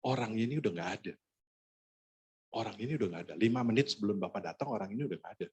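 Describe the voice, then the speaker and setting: A calm, quiet bystander delivering grim news, acted by a male preacher. His hushed voice is low and husky. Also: very fast. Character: calm man quietly saying someone died.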